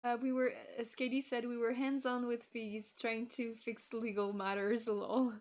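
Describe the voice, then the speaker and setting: Slow-talking giggly woman streamer. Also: on the high side, level tone, a little mellow. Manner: giggly, repeats words. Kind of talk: casual chat on stream.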